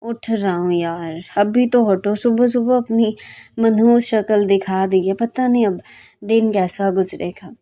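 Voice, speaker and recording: A woman's voice: medium pitch, unhurried, warm tone, close to an everyday voice. A woman voicing a sleepy young male student who grumbles and mocks with teasing insults. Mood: grumbling.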